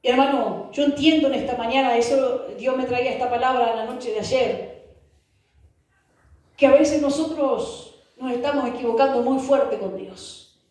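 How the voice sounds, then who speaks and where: A woman's voice: high-pitched, moderate pace, a little mellow. A woman preaching a fervent sermon, repeating rhetorical questions to the congregation. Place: church hall. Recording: echoey church hall from far off.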